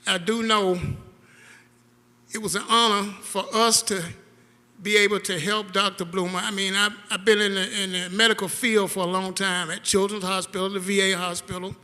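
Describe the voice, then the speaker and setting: A man's voice: sits high, steady tone, bright, forceful tone. Emotional man speaking at a memorial. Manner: emotional, halting, laughing through tears. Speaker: caregiver giving a eulogy. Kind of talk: heartfelt memorial speech. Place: church hall. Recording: long church hall reverb.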